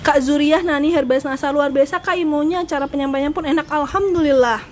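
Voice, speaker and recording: A young woman hosting a casual live stream, chatty and giggly, answering viewer questions and admitting she talks too fast. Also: sits high. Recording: noisy live stream audio.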